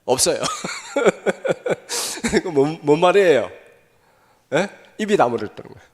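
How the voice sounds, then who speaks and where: A man pastor preaching a sermon, telling the story in an animated way and tossing rhetorical questions to the congregation. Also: on the high side, takes it slowly. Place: church sanctuary. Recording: echoey hall.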